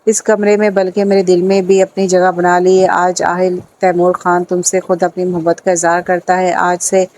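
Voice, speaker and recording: A woman voicing a proud young husband, stern at first and then tender, in a firm, even delivery. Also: lowish voice, slight background noise, close to an everyday voice.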